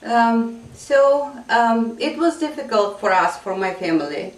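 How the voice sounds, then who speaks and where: Her voice sits a little high and moves expressively at a slightly slow pace, as this English teacher for immigrants and refugees chats informally in an interview. She's earnest and thoughtful, with ums scattered through. An echoey room and off-mic placement leave her sounding far away.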